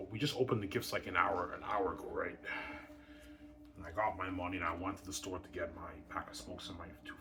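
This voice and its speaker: A man in his thirties talking at home late at night in a meandering, casual monologue, swearing and arguing with people who aren't there. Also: sits low. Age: 30s. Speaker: vlogger. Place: room at home, family upstairs. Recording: echoey room, distant mic, background noise and music.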